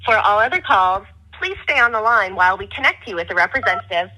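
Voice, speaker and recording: A woman's recorded automated phone menu message, reading scripted prompts in a slow, measured, evenly enunciated way. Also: mid-range voice, animated, bright, forceful tone, rough recording.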